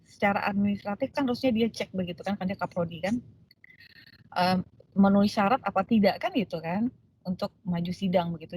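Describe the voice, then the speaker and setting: Woman lecturer at mid pitch, animated storyteller who acts out quoted voices, faint background noise. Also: poor audio. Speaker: law lecturer. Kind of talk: recounting a personal story in class.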